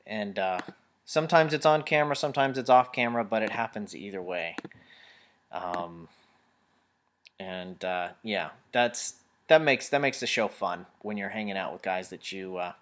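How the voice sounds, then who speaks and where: A man's voice: lowish voice, a bit bright. A man casually chatting on a live webcam stream from home, rambling as he reads out and answers viewer comments. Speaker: live chat host answering fan questions. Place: home room.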